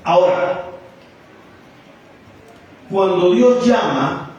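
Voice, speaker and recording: A man's voice: high voice, lively intonation, drawn-out words, a little mellow, muffled recording. A man pastor preaching a sermon, talking conversationally with many rhetorical questions and personal stories. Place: church hall. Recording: echoey church PA from far off.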